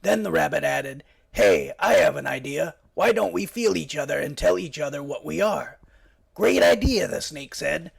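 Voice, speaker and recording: Scruffy Bat, a man doing a gravelly cartoon bat comic. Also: a little high, very animated, heavily acted. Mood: cheeky. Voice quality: gravelly, husky. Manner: punchy joke delivery, quick switches between characters' voices. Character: scruffy male cartoon bat comedian, jokey. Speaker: late-night comedy host. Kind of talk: cartoon stand-up joke telling.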